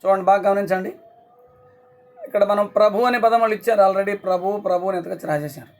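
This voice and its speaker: A man teaching a class online, sounding out syllables slowly and often checking that students follow. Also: high voice. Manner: slow syllable-by-syllable explaining, frequent checks.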